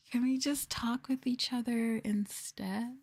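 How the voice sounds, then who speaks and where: Close to her microphone, this VTuber streamer makes casual, giggly conversation during an ASMR stream, sounding playful yet somewhat hesitant. Her voice is a little high, with a darkish, slightly rough tone.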